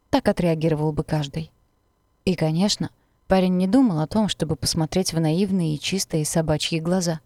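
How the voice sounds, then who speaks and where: A woman reading a first-person novel aloud as an audiobook narrator, with expressive, even delivery. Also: on the low side, no room sound.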